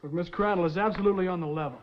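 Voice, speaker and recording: A man's voice: high voice, very fast, close to an everyday voice. A young actor playing an earnest, polite would-be lawman who talks respectfully, in a 1950s TV western. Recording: dull lo-fi old TV sound with faint hiss.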